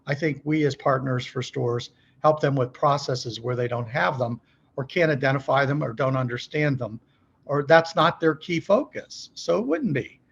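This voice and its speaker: With highs cut off in the recording, a middle-aged company executive on a podcast explains business practice at normal speed. His voice is medium-pitched and husky with vocal fry, and his style is folksy and conversational, often posing questions and checking in with the listener.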